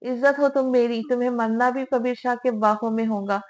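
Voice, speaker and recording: A woman's voice: a little high, fairly even intonation, fairly quick, darkish tone, lightly acted. Woman reading as a possessive young husband. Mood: furious. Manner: teasing then fiercely possessive.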